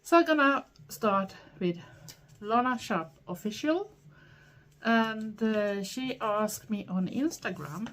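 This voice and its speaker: A middle-aged woman from Sweden with a Swedish accent, talking in a chatty, rambling way with frequent pauses. She answers viewer questions for her own channel. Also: on the high side, lively intonation, fairly bright tone. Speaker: vlogger. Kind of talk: casual Q&A chat to camera.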